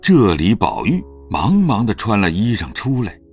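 A man narrating a classic novel as an audio drama, in a slow, expressive, dramatic reading. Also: lowish voice, slightly rough, soft background music.

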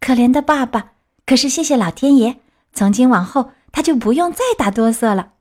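A woman voicing an excitable, naive wooden puppet boy in a storybook reading, eager and boastful. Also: a little high, close to an everyday voice. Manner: eager, boastful, quick to protest.

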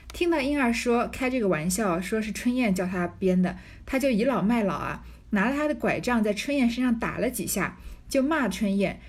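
A woman tells and explains a classic novel in a relaxed, chatty way, at a middle pitch. She fills her pauses casually, as if talking to a listener at bedtime. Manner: relaxed, conversational explaining with fillers. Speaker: narrator and commentator. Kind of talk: storytelling commentary on a classic novel.

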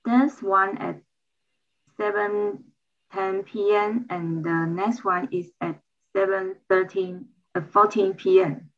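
A woman's voice: mid-range voice, slow pace, lo-fi sound. A woman reading a ticket-office dialogue aloud in English as a practice partner, stumbling over numbers.

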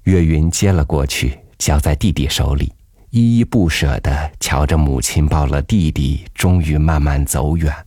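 A man reading a story aloud in a calm, measured storytelling voice. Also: rumbling low, slightly rough, no echo, clean studio sound. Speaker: audiobook narrator. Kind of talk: scripted storybook narration. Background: soft background music.

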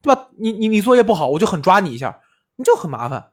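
A high, husky male voice tells school stories quickly on a podcast. His pitch leaps all over as he acts out the people in them, each line tumbling into the next. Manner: animated storyteller, acts out quotes with big pitch jumps. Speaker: podcast host. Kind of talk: casual chat, storytelling.

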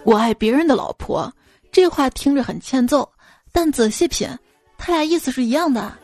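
A woman's voice: high voice, expressive, normal speed, a little mellow, no room sound, soft background music. A woman hosting a radio joke segment, reading one short gag after another and raising her voice for the quoted characters. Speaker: radio host telling jokes.

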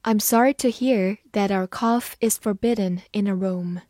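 Slow, clear woman teaching vocabulary. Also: medium pitch, dark tone, dry recording, clean studio sound. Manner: slow, clear, repeats each English word twice before glossing it. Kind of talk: scripted vocabulary lesson.

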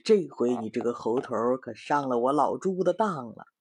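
A woman's voice: a bass voice, animated, normal speed, a little mellow, husky, heavily acted. A woman voicing a greedy, lazy male pig demon who groans and whimpers in a storybook reading. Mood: whiny.

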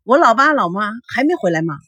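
女声演的神气活现的富家少爷. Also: female voice, medium pitch, big pitch swings, fast, bright, forceful tone, husky, no echo, heavily acted. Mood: boastful. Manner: swaggering, boastful. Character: cocky rich young man, insurance salesman.

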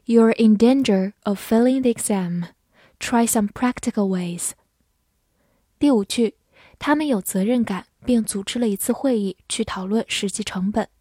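A woman narrating a scripted vocabulary lesson, saying each English word twice and then defining it slowly. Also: fairly high pitch, dark tone, no room sound, clean studio sound.

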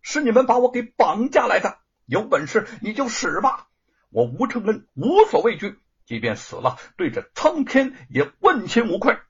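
A man's voice: high voice, huge pitch swings, normal speed, breathy edge, dull audio, voice pushed up, heavily acted. A man voicing a defiant young scholar who declares his innocence boldly and indignantly.

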